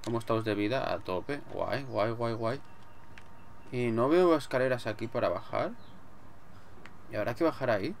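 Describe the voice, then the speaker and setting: A man's voice: mid-range voice, moderate pace, creaky, pauses often, a little hiss or hum. A man with an accent from Spain giving casual, sweary gameplay commentary, muttering to himself as he plays. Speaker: gamer, let's player. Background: game music.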